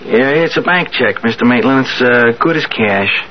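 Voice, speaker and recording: A man's voice: mid-range voice, animated, normal speed, slight background noise, lightly acted. Guy doing a nervous young fella in an old radio play, stammers, eager to please, dull fuzzy sound. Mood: nervous, pleading. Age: young adult. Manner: stammering and earnest. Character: eager young man, earnest and anxious to please. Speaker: young suitor. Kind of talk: 1970s radio drama acting. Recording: dull lo-fi 1970s radio broadcast.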